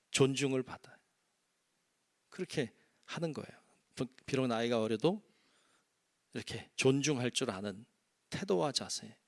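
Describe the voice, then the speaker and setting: A middle-aged man, a senior pastor, preaching a sermon in a conversational way, addressing the congregation and acting out little quoted voices. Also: mid-range voice. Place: church sanctuary.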